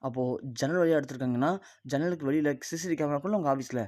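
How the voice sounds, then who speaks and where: A man's voice: a little high, quick pace, darkish tone, no echo, clean studio sound, close to an everyday voice. A man voicing a shrewd, protective older woman who defends her niece, in his own voice. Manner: shrewd, teasing. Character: older woman, the wife's aunt, sharp and protective.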